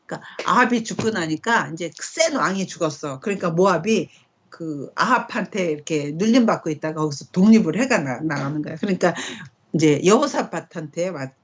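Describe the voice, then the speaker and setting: A middle-aged woman leading a casual Bible study. She talks in a conversational way and often checks in with quick rhetorical questions. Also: lowish voice, lo-fi sound.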